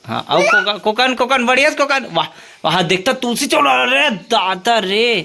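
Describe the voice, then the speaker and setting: A young man with a Chhattisgarhi accent hosting a casual village vlog, talking in a playful, loud, teasing way. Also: extremely high pitch, expressive, moderate pace, vocal fry. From Chhattisgarh, India. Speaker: vlogger.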